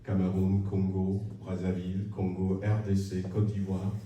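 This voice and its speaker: A man's voice: sits low, completely flat delivery, unhurried, dark tone. A man giving church announcements to the congregation in a hesitant, friendly way, with many filler sounds. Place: large church hall, indoors. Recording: very echoey church hall, from far off.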